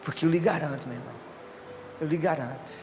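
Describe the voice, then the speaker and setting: High-voiced fervent male pastor preaching. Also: quick pace, big-room sound, soft background music. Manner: fervent preaching, swinging between hushed and loud. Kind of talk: sermon.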